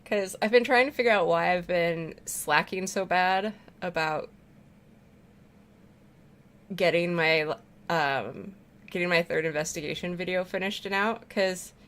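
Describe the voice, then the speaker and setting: A woman's voice: lowish voice, fairly bright tone. A woman streamer chatting casually while playing a game, rambling, swearing freely and laughing often. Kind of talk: casual chat while gaming.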